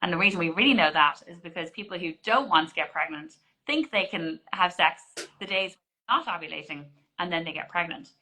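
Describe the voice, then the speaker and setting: Woman GP, forties, clear bright delivery, talks things through with fillers and restarts. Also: fairly low pitch, animated, fairly quick, poor audio. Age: 40s. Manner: explanatory, frequent restarts and fillers. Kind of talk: conversational interview answers.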